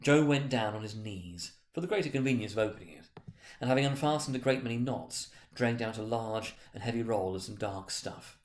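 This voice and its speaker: A man's voice: on the low side, a little fast. A man narrating a classic story from a script as a dramatic reading. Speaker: reader and narrator.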